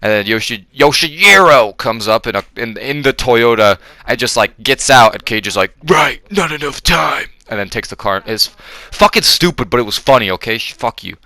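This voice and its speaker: A man's voice: mid-range voice, fairly quick, few pauses, sharp tone, dry recording. A man giving a casual, rambling, profane spoken review of a film, full of fillers and restarts.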